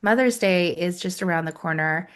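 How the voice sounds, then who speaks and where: A woman's voice: lowish voice, normal speed. A woman co-hosting a podcast, chatting in an upbeat, friendly way and speaking straight to her listeners. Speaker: podcast co-host. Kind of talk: casual podcast chat.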